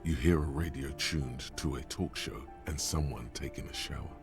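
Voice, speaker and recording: A grave game narrator, rock-bottom voice, gravelly. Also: male voice, extremely low pitch, normal speed. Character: deep-voiced all-knowing male game narrator. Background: game music.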